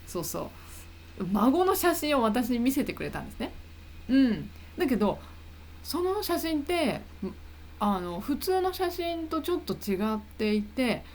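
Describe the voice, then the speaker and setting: A woman who hosts a podcast for learners, telling an everyday story and stopping to slowly explain and repeat words for her listeners. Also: fairly high pitch. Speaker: Japanese teacher podcaster.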